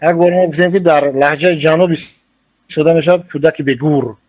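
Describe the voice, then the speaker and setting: A man with a Tajik accent answers radio interview questions as a journalist. His voice sits somewhat high, and he lays out each point slowly and deliberately. The recording sounds muffled, like an old radio broadcast. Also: fairly even intonation. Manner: slow, deliberate and explanatory.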